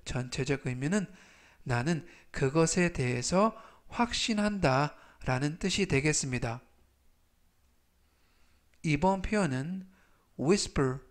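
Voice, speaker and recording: A man teaching English vocabulary in a scripted lesson, repeating each word three times and explaining it step by step. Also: a little high.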